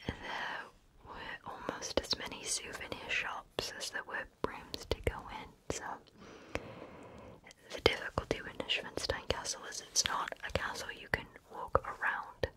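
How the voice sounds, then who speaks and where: A woman whispering softly and very close to the microphone in an ASMR style, chatting casually and reflectively about her travels. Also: unhurried, low-quality recording. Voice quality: soft unvoiced whisper. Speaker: ASMR creator.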